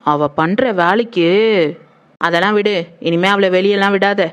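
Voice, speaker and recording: A curt, protective brother. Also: male voice, high-pitched, moderate pace, a bit bright, clear, resonant tone. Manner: curt and evasive. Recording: muffled lo-fi sound.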